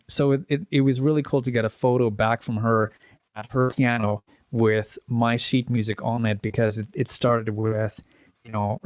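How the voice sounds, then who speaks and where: A man's voice: medium pitch, darkish tone, dry recording. A man in his forties from the Czech Republic, a guest in a casual interview, rambling and restarting with chuckles. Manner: rambling, self-correcting, chuckles at his own stories. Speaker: interview guest, pianist and composer.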